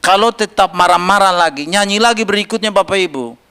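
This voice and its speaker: A man preaching a sermon as pastor at a church service, lively and jokey, now and then breaking into song. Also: high voice, brisk, creaky, clean tone.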